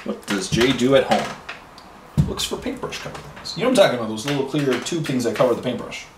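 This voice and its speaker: A fast-talking man with a medium-pitched, expressive voice paints miniatures in his home hobby room and chats casually for a hobby video. He hops from one thing to the next with many fillers and is from Ireland and Canada. The audio is echoey and faintly noisy, and he's somewhat distant from the microphone.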